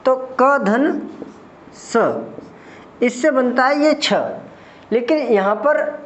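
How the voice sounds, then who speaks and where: Guy teaching exam grammar, high voice, real slow, keeps asking then answering himself. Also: a little hiss or hum. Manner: slow, step-by-step explaining, asks and answers own questions. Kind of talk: exam-prep grammar lesson.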